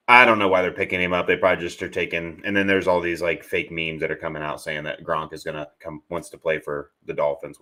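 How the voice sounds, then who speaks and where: A man's voice: rumbling low, pushed and bright. A man co-hosting a fantasy football stream, answering at length with frequent restarts and um's. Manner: rambling, with repeated restarts and um's. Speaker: podcast co-host. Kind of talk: casual live Q&A chat.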